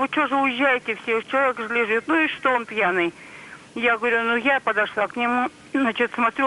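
A woman's voice: on the high side, pushed and bright. Earnest woman caller on a phone line. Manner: earnest, plain-spoken, acts out the dialogue she retells. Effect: heard over a phone line on air. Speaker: caller to a TV call-in show. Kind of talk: telling a personal story on the phone. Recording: phone call aired on a broadcast.

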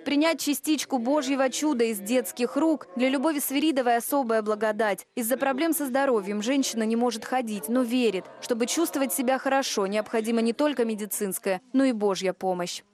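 A woman's voice: fairly high pitch, a little fast, few pauses, a little mellow. A woman reading a scripted voice-over for a television news feature. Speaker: TV news reporter.

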